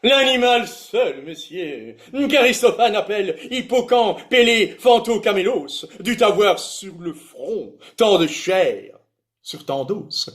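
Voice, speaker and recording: A man's voice: sits high, lively intonation, takes it slowly. A man playing a proud, mocking swordsman-poet, declaiming a verse monologue like a hammy stage actor, constantly shifting tone. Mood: pompous. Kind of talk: theatrical verse monologue recitation.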